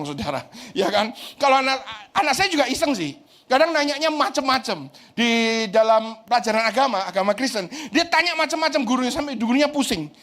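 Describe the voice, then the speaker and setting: A man's voice: extremely high pitch, a bit bright. Joking middle-aged male pastor preaching. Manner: chatty and joking, often asks "right?", mixes in English. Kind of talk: sermon.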